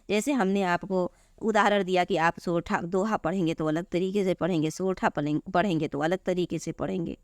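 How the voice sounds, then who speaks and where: A woman's voice: medium pitch, no echo, clean studio sound. A woman Hindi teacher giving a lesson, patiently explaining and repeating points, often addressing her students as children. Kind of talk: classroom lesson explaining grammar.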